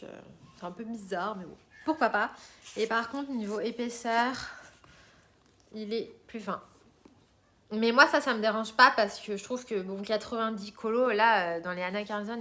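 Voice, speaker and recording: A woman's voice: mid-range voice, bright, forceful tone. A woman vlogger chatting casually about her coloring purchases, rambling with many fillers and restarts. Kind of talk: casual chat showing purchases.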